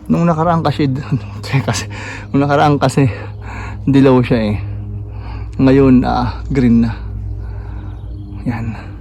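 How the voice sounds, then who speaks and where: A man giving a casual walk-through tour of his backyard vegetable garden, relaxed and pointing things out with many fillers, a little out of breath. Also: mid-range voice, slow pace, pauses often, faint music behind. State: slightly out of breath after jogging. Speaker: gardening vlogger.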